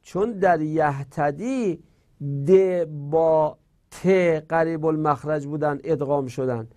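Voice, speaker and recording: A male teacher giving a grammar lecture, reciting verb forms in slow drills and posing rhetorical questions. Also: on the high side, darkish tone.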